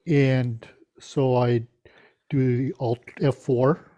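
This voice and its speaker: Mellow man describing a tech problem. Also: medium pitch, steady tone, very slow. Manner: puzzled, reporting a problem step by step. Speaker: workshop participant. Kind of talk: casual video call question. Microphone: video call.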